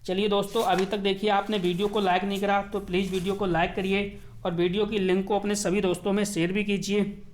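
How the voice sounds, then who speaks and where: Male teacher, high voice, drills answers slowly and asks himself questions. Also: little pitch movement, slight background noise. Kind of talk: exam paper walkthrough.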